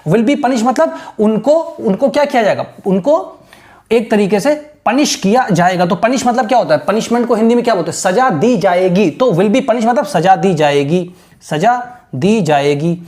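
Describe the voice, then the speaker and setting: Male tutor, Hindi explainer, reads English phrases slowly, self-answering questions, frequent check-ins. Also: high-pitched, expressive, darkish tone. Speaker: teacher.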